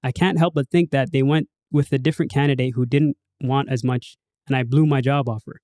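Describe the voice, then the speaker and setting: A man's voice: mid-range voice, fairly even intonation, fairly quick, warm tone, no echo, clean studio sound. A man hosting a podcast in casual chat, reading listener posts aloud and putting on a bigger host voice for sign-offs.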